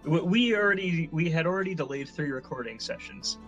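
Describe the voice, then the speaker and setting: A man's voice: fairly high pitch, lively intonation, fairly quick, fairly bright tone, dull audio, faint music behind. A man in a casual gaming podcast chat, telling a long, rambling story full of swearing.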